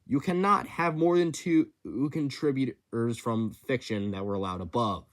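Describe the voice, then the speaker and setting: Here a young channel host gives an off-the-cuff rundown of rules for his creature-design contest, speaking at a moderate pace with a medium-pitched voice. Eager and impulsive, he stumbles frequently, restarting sentences and filling gaps.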